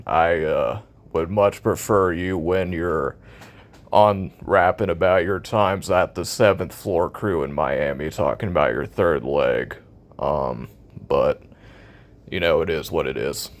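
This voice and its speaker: A man's voice: sits low, slow. An American man in a casual, opinionated rant about a video game, blunt, cynical and sarcastic in his complaints.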